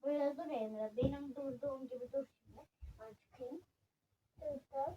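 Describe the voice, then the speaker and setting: A woman's voice: high-pitched, normal speed, lo-fi sound. A young girl vlogging a game of rock-paper-scissors at home, playful and bossy toward a younger sibling. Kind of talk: casual kids' vlog. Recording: distant mic with faint noise.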